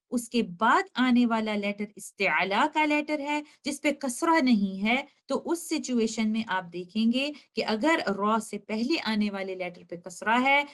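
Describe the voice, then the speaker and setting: A woman's voice: on the high side, a bit bright. A woman teaching Quran recitation rules, who explains carefully and stretches out each example word as she demonstrates it. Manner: slow, drawn-out demonstrations of example words, repeating them. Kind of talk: slide-based tutorial explaining pronunciation rules.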